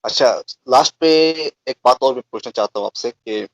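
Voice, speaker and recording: A male interviewer puts questions to his guest, pausing on filler sounds. His voice sits in a middle pitch. The sound is dry and slightly lo-fi. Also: no echo. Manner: asks questions with hesitant fillers. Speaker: host, interviewer.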